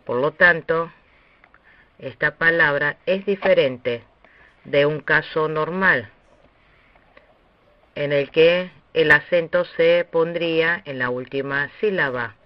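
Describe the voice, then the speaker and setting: A man teaching a recorded lesson on Hebrew pronunciation, speaking slowly and deliberately with long pauses. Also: a little high, dry recording. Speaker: Bible language teacher. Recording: dull, dry lo-fi recording.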